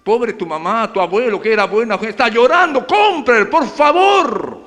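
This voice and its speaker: A preacher doing a pushy indulgence peddler. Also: male voice, expressive, moderate pace, a bit bright, big-room sound. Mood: pleading. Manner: wheedling sales pitch. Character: pushy male indulgence seller hawking salvation.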